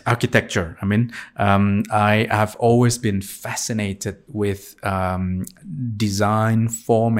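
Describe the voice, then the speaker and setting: A man in his forties who grew up in Singapore, answering interview questions as a surgeon in a thoughtful way, with frequent pauses and restarts. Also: fairly low pitch. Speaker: surgeon guest.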